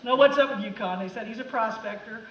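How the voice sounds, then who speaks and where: Woman teacher, high voice, sarcastic and animated; far-off, roomy classroom sound. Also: quick pace. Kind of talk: comic classroom talk over film clips. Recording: echoey room, mic far off.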